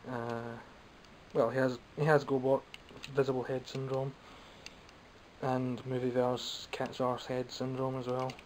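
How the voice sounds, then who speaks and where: Off the cuff behind a home camera, a young Scottish toy collector vlogger talks through his toy haul, dry and self-mocking, phlegmy and coughing at times. His middle-pitched voice is monotone, unhurried and darkish. A faint hiss sits under the camera mic audio.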